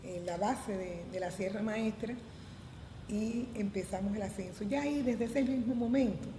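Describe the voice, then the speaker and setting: Older cuban lady, slow careful memories, roomy long reverb, noisy recording. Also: medium pitch, warm tone. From Santiago de Cuba. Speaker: former volunteer teacher interviewed. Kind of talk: documentary testimony. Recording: echoey room with reverb and noise.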